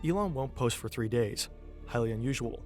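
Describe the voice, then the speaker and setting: A man's voice: medium pitch, expressive, normal speed, darkish tone. Man narrating a documentary over music. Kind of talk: scripted narration. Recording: music bed behind narration.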